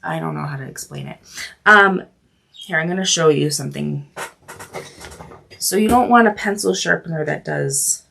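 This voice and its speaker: A woman's voice: low-pitched, normal speed, gravelly, pauses often, bright, forceful tone. A woman with a cold teaching a live drawing lesson, chatty and apologetic, with many fillers. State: has a cold, coughing. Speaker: art instructor. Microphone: livestream setup.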